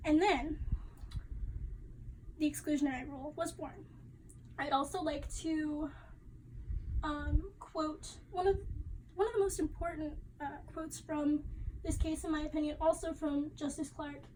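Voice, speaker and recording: A woman's voice: sits high, fairly even intonation, measured pace, long pauses, darkish tone, slight background noise, rough recording. A young woman giving a class presentation, talking casually and chattily with fillers and the odd laugh. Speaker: student presenter.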